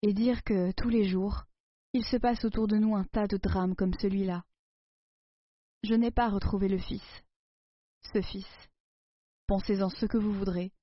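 A grave older notary, low-key and sober as he closes his tale, as a woman reader puts him on. The recording is muffled and dry. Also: fairly even intonation, unhurried, pauses often, dry recording, close to an everyday voice. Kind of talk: audiobook dialogue reading.

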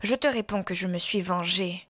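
A woman's voice: on the low side, moderate pace, fairly bright tone. A woman voicing a sick, tearful young woman who speaks in breathless, emotional pleas, in a storybook reading. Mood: vengeful.

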